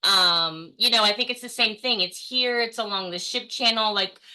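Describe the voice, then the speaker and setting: A woman's voice: medium pitch, moderate pace, pushed and bright, low-quality recording. A woman from Texas hosting a webinar, chatty and full of fillers, with facetious asides. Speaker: webinar host. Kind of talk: casual webinar moderation.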